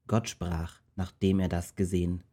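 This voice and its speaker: A man tells a Bible story in rhymed verse. His reading is steady and rhythmic, in a lowish, mellow voice. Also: measured pace.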